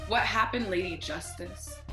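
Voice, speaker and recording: A woman's voice: medium pitch, wildly swooping pitch, unhurried, sharp tone, reverberant, soft background music, full character voice. A young woman playing a whiny jailed politician. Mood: angry. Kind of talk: youth stage theater.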